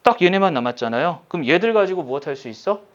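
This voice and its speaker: A man teaches a recorded lesson in a fairly high, lively voice that swings up and down. He keeps checking in with quick questions as he works through a problem step by step. The recording sounds dull and lo-fi. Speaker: high school Korean teacher.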